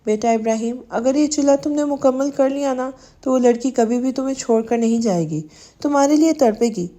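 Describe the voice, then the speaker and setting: A man's voice: very high-pitched, mellow. A woman voicing a fatherly old spiritual guide who gives warnings. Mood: grave.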